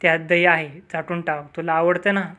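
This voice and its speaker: A man's voice: a little high, little pitch movement, normal speed, bright, forceful tone, muffled recording. A man reading the lines of a stern but loving village mother who scolds and then comforts her son. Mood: tender. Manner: scolding, then tender and pleading.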